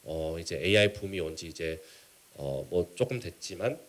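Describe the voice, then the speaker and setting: Deep-voiced Korean-American man presenting. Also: expressive. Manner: halting, measured, with English business terms mixed in. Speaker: keynote speaker, startup mentor. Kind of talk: conference presentation.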